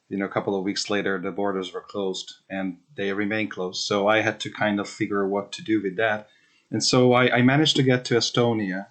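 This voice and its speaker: A man born in Hungary, in his thirties, talks through his research in an interview. His voice sits on the low side, and he thinks aloud with fillers and restarts. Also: fairly bright tone. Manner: thoughtful, many fillers and restarts. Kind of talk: interview answers.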